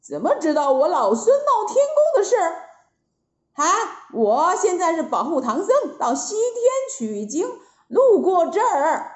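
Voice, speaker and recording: A woman's voice: extremely high pitch, sing-song, darkish tone, pitched above the performer's own voice, full character voice. Woman doing a cocky monkey king. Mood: bold. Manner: brisk, exclaiming. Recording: echoey, dull lo-fi recording.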